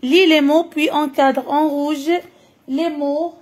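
Woman, Moroccan accent, Arabic native, children's phonics teacher, high voice, slow and repetitive. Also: steady tone. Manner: slow, repeats each word carefully. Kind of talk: French phonics lesson for children.

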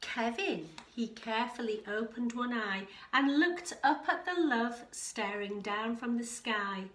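Middle-aged female storyteller, teacherly storytime read with little asides, unhurried, in a roomy living room. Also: a little high, a bit bright. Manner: deliberate, rhythmic reading with chatty asides. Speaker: teacher reading a picture book aloud. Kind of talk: expressive storytime reading for young children.

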